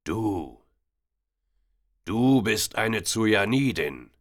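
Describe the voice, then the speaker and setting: Guy reading a story doing a creepy old man, slow and intense, low voice. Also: lively intonation, creaky, bright, forceful tone, husky, full character voice. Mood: menacing.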